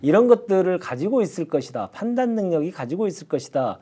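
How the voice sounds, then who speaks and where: Measured male party spokesman, mellow tone. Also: high voice, big pitch swings, slightly rough. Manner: measured, thoughtful, with hesitant fillers. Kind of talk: political panel talk.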